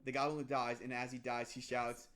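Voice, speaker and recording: Halting young man running a tabletop game. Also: medium pitch, little pitch movement, a bit bright. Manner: halting, many restarts and fillers. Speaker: game master.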